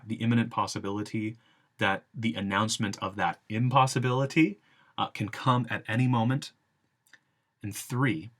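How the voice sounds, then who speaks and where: A man giving an academic philosophy lecture in deliberate, emphatic phrases broken into short segments. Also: on the low side, fairly bright tone.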